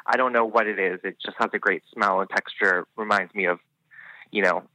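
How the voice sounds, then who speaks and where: A man's voice: fairly low pitch, fairly even intonation, a little fast, sharp tone, no room sound, low-quality recording. A man who works as a hairstylist, chatting enthusiastically as a podcast guest, full of "I mean" and "you know". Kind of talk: casual podcast interview chat.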